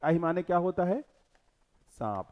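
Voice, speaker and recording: A man's voice: high voice, lively intonation, moderate pace, a little mellow. Man lecturing, asking and answering himself. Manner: explains verse line by line, asks and answers his own questions. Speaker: teacher. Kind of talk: classroom lecture.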